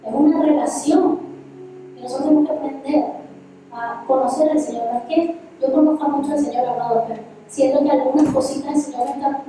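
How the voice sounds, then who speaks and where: A Venezuelan woman gives an earnest, testimonial sermon, calling her listeners "amado". Her voice is high and soft-edged. It is picked up from a distance in a church hall with heavy echo. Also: fairly even intonation, brisk, slight background noise. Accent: Venezuelan Spanish. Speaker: worship leader preaching. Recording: echoey hall, distant mic.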